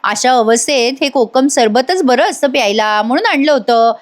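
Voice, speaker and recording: A woman's voice: high-pitched, expressive, moderate pace. A woman voicing a meddling older aunt who talks in a huffy, grudging way.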